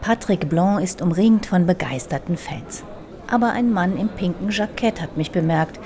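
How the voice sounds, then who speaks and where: Woman reporter, mellow voice, calm descriptive radio narration. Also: on the low side. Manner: measured, descriptive delivery. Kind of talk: scripted radio feature narration.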